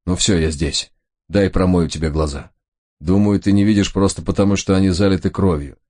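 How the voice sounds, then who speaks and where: A man reading as a cold, curt man in a noir audiobook, clipped and impatient. The voice is very low, quiet and husky. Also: steady tone, a little fast. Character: cool-headed man tending his brother, curt.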